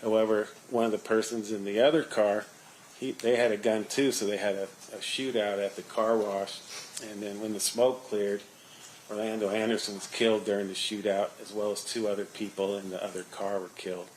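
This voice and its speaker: A man giving testimony as an investigator witness under cross examination, in a measured and guarded manner. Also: lowish voice, flat delivery, a little hiss or hum, low-quality recording.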